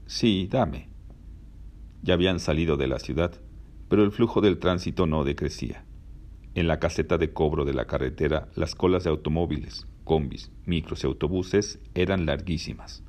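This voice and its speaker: A man narrating a novel in a steady, plain storytelling voice. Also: rumbling low, moderate pace. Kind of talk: novel read aloud.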